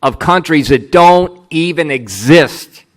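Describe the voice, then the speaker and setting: An American man preaching a sermon in short, emphatic phrases, pausing for his interpreter. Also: on the high side, expressive. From United States.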